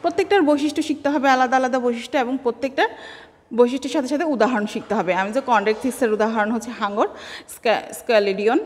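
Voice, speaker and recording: A woman teacher giving a biology lecture, her voice pitched a little high. She slows down to pronounce each scientific name carefully, and a long reverb trails behind her words. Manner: slow, careful spelling-out of scientific names. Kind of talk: classroom lecture.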